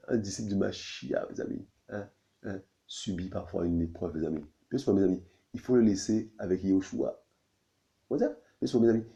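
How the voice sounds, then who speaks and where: A man's voice: vocal fry, warm tone. A man preaching a sermon in a repetitive, insistent way, who keeps calling out to his listeners and asks whether they follow. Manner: repetitive, constantly saying "my friends" and asking "you see?"; pitch leaps high on questions. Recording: dull lo-fi recording.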